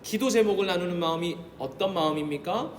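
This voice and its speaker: A man preaching a sermon as a pastor, telling a story and building to emphatic exhortation. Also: brisk. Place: church sanctuary. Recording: echoey hall, faint rumble.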